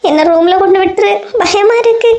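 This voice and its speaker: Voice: brisk, a little mellow, dull audio. A performer voicing a frightened, clingy middle-aged aunt in a cartoon with a Kanyakumari Tamil accent, pleading over and over in a panic. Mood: scared pleading. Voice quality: very high, squeaky cartoon voice. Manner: pleading, repeats herself in a panic.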